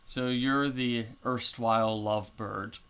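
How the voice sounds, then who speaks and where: A man's voice: mid-range voice, fairly even intonation, slow, a bit bright, clean tone. A man voicing an amused older male noble who heads a house, speaking in a wry, teasing, lordly manner.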